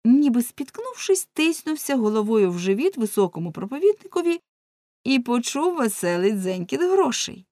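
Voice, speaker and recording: A woman narrating an audiobook in a lively, expressive way. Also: a little high, normal speed, no echo, studio quality.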